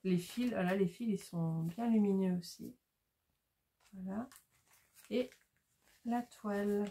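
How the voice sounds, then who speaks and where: A woman's voice: medium pitch, takes it slowly, dark tone. Chatty French craft-vlog woman. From France. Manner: chatty, many fillers, thinking aloud. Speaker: craft channel host. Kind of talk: casual chat showing crafts.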